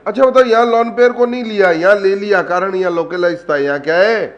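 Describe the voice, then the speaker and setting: A man's voice: high-pitched, fast talker, lo-fi sound. A man teaching a live online class, quizzing his students with repeated questions and addressing them fondly. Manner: coaxing, affectionate address to students.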